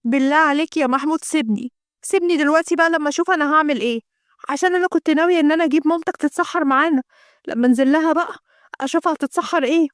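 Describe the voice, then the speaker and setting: A woman doing a shrill, nagging young housewife. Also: very fast, no echo, studio quality, lightly acted. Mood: scolding. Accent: Egyptian Arabic. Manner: shrill, scolding complaints.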